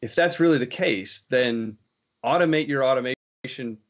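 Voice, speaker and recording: At a moderate pace and medium pitch, this man hosts a laid-back tech talk show. His chat wanders, he keeps correcting himself, and laughter comes readily.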